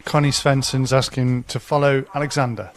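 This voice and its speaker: A man co-commentating a live race, chiming in with relaxed asides. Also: medium pitch, moderate pace.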